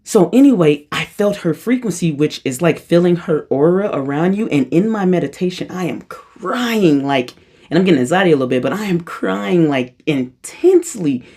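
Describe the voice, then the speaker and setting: A woman's voice: lowish voice, animated, moderate pace, dark tone, breathy edge. A woman in her thirties telling a personal spiritual story in a casual, rambling way, full of slang and restarts. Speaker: spiritual vlogger.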